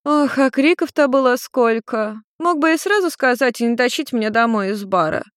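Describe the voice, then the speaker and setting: A woman's voice: fairly high pitch, animated, moderate pace, no echo, clean studio sound, pitched above the performer's own voice, close to an everyday voice. A woman voicing a middle-aged witch mother who is tipsy and teasing, drawling her words in a slurred, playful way.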